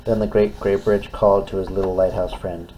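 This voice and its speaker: A man's voice: deep voice, little pitch movement, a little fast, mellow, a little hiss or hum, low-quality recording. A man reading a children's story aloud expressively, in simple phrases as if to a toddler. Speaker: storytime reader.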